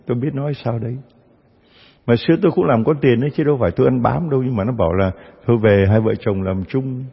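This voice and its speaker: Priest giving a sermon, raspy voice, acts out other voices, reverberant lo-fi church recording. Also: male voice, mid-range voice, fast talker. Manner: storytelling, acts out parishioners' voices. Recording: dull sound with long church reverb.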